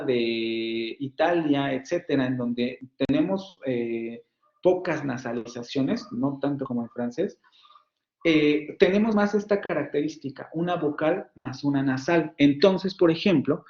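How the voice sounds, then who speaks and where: A man's voice: a little high, darkish tone, lo-fi sound. A man with a Mexican Spanish accent giving an online university phonetics lecture, explaining patiently and repeating words as he demonstrates sounds.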